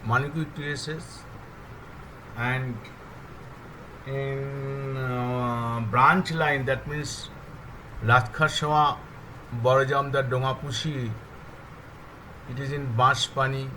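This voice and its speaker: An older man with an Indian English accent, explaining railway engineering in a deliberate, halting way, listing items one by one. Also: mid-range voice, fairly even intonation, pushed and bright, a little hiss or hum, rough recording. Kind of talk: technical explanation.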